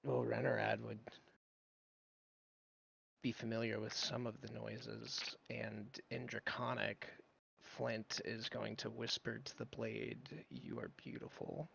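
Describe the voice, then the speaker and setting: A man's voice: lowish voice, level tone, slow, gravelly, a bit bright, husky, dull audio. A man playing a tabletop role-playing game, casually describing his character's actions. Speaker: player.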